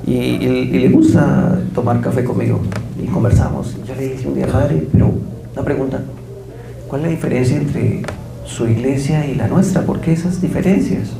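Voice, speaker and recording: Male guest lecturer, gravelly low-toned voice, storytelling delivery, echoey room. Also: moderate pace, music in the background. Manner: storytelling with quoted dialogue. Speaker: guest speaker. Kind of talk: religious lecture.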